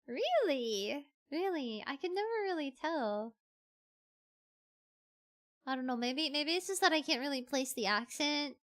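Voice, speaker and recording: A woman VTuber with a Filipino accent talks casually to her stream. Her voice sits a little high and has a very bright, forward tone. She tends to repeat short phrases to stress them. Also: animated, normal speed, long pauses. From Philippines. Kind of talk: casual livestream chat.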